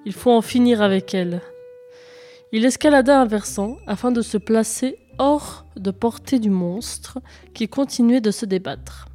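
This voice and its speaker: A woman storyteller reading a folk tale aloud in a steady, expressive way. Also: mid-range voice.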